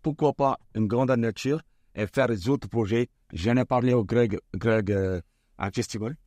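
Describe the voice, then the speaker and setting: A man guesting on a radio show, explaining his event in a halting way with many pauses. His voice is mid-pitched and heard up close and dry. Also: a little mellow, no echo. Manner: hesitant, many fillers and restarts. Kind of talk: casual radio interview.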